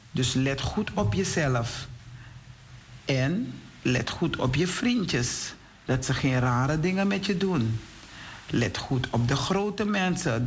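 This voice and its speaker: A man presenting on radio, reading a moral children's story slowly and earnestly, speaking straight to the children. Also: medium pitch. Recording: faint hiss on radio recording.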